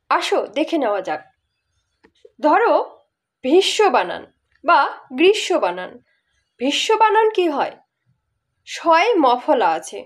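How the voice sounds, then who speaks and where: Brief: woman online tutor, high voice, animated, rhetorical questions. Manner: explains step by step, asks rhetorical questions. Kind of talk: grammar lesson.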